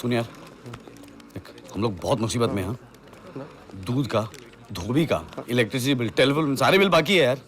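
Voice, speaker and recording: A man's voice: mid-range voice, expressive, a little fast, pauses often, a crowd in the background, lightly acted. An actor playing a scheming male con man who bosses and scolds his partner, mixing in English phrases, in a film comedy scene. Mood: persuading. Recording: film soundtrack with music behind.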